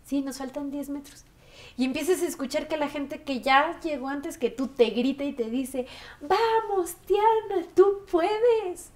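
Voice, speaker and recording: A woman in her thirties with a Mexican accent tells her story in a documentary interview. Her voice sits fairly high. She acts out the people she quotes with lively energy. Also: moderate pace. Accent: Mexican Spanish.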